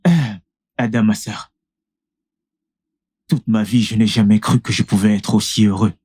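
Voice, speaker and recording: An actor dubbing a humble young man, newly crowned king, who speaks gently and earnestly. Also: fairly low pitch, flat delivery, normal speed, slightly rough. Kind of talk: dubbed film acting.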